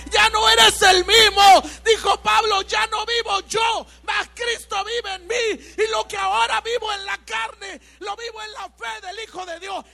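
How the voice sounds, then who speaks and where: A woman preaching a fervent sermon, at times rising to a shout. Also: very high voice, creaky.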